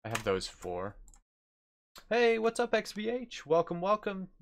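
A man's voice: high voice, huge pitch swings, a little slow, slight background noise. A young American man chatting casually as he plays a game, replying to his viewers. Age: young adult. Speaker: game streamer. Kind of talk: casual chat while playing, replying to viewers. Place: indoor room at a desk. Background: faint game music.

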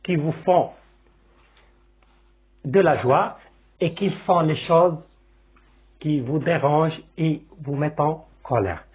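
A man with a Moroccan accent teaching a French lesson, explaining slowly and repeating examples, often checking that his listeners follow. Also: on the high side. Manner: slow, repetitive classroom explaining with checks like "c'est bon?". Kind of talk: language lesson. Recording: tinny phone-like sound.

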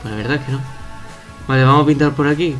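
A young man giving casual, excitable commentary over his own gameplay at home, swearing and shouting at opponents. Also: medium pitch, fast talker, soft background music. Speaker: gaming youtuber.

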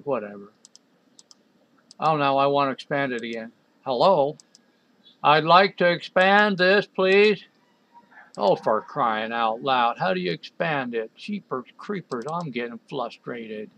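Casting note: man, mid-pitched, exasperated software walkthrough narration, faint room hiss. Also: vocal fry, rough recording. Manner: exasperated, talks to himself while clicking. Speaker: software developer reviewing a program. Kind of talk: screen-recorded software walkthrough.

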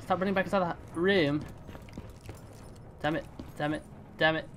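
A young man hosting his gaming channel, chatting casually and reacting out loud as he plays. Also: a little high, moderate pace, slight background noise. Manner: excitable, chatty, swings between hushed focus and loud outbursts. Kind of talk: casual gameplay commentary.

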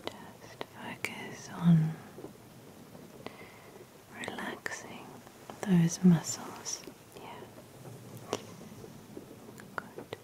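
A woman whispering gentle, reassuring instructions in a slow ASMR massage roleplay. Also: on the low side, flat delivery, poor audio. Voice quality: whispering, soft and soothing.

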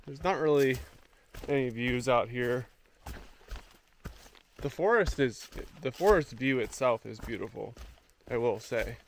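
A man's voice: medium pitch, a little slow, long pauses, slight background noise. A young man talking to a handheld camera outdoors in a forest, in an easygoing, chatty vlog check-in while he hikes. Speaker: thru-hiker vlogger. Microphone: camera at arm's length.

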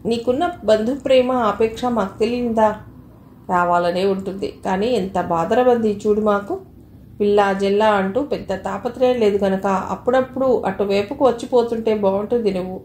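A woman's voice: mid-range voice, fairly quick, a little mellow, slight background noise, lightly acted. A woman voicing a nagging elderly mother-in-law who grumbles and scolds, in a storybook reading. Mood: sugary reproach. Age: older. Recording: echoey room, faint ambience.

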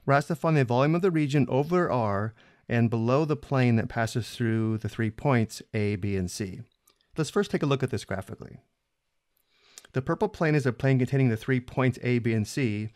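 A man explaining a math problem step by step in a screencast lesson, steady and methodical. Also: medium pitch, moderate pace, dry recording, studio quality. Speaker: math instructor.

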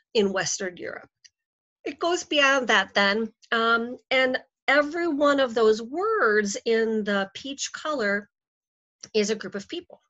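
Bright-voiced woman teaching history. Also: medium pitch. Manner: conversational, many ums and self-corrections. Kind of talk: recorded history lecture over slides. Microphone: computer mic, screen recording. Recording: slightly dull lo-fi sound.

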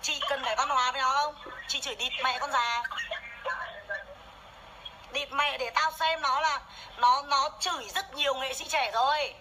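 A woman's voice: high-pitched, fairly even intonation, normal speed, pauses often, pushed and bright, slight background noise, low-quality recording. A woman, ranting furiously and swearing nonstop during a makeup livestream on her phone. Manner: foul-mouthed, furious, scolding. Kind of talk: angry livestream rant. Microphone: phone camera during makeup livestream.

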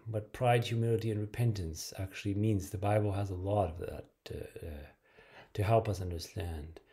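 A middle-aged man preaching to a webcam in a small bright room, his voice low and mellow. He pauses often, filling gaps with ums and restarting phrases as he goes. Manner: hesitant, many filler words and restarts. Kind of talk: video sermon to camera.

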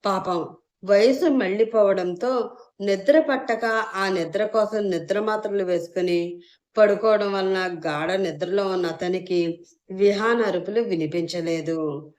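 Expressive woman narrating a story. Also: mid-range voice, a little slow.

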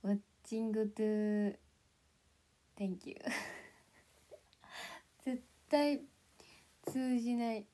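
A young woman chatting casually to viewers on a livestream, playful and giggly, sometimes dropping into soft whispers. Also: on the high side, very slow, pauses often. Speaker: idol livestreamer.

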